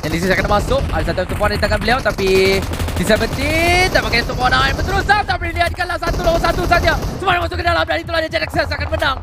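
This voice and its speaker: A man with a Malaysian accent giving excited, exclamatory live esports commentary. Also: very high-pitched, fast, heavy background noise.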